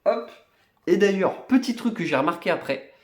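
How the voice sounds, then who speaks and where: High-voiced and animated at a normal speed, this man is a collector vlogger rambling through his film collection. The unboxing show-and-tell is casual and chatty, peppered with fillers and restarts, and the room is echoey.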